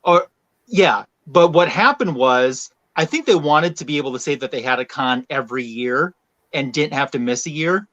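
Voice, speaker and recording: A man's voice: on the high side, expressive, normal speed, a bit bright, lo-fi sound. A man chatting as a panel guest, telling stories at length with rambling explanations. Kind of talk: casual chat.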